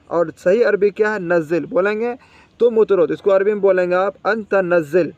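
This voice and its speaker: High-voiced man drilling Arabic words. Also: darkish tone, no room sound, dull audio. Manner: repeats each word and drills with questions. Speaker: Arabic teacher. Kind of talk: spoken vocabulary lesson.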